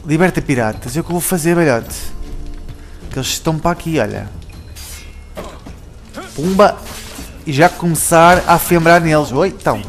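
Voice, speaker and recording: Brief: joking European Portuguese gameplay commentator, male, slightly high voice, soft music behind. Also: lively intonation, fast. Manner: joking, cheeky, talks to the characters.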